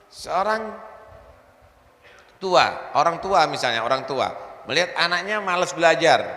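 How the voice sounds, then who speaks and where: A man preaching, his voice bright and gravelly as it leaps up and down in animated bursts. He keeps checking that the listeners follow him. The recording carries the long echo of a large hall with faint ambience behind. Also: medium pitch, a little hiss or hum. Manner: animated preaching, mixes in Javanese words, asks "paham ya?". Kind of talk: sermon.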